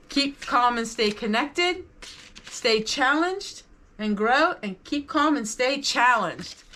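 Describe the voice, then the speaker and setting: In a casual haul chat, a female vlog host talks to her viewers about the items she's showing, sounding enthusiastic and appreciative. Her voice is on the high side with a fairly bright tone.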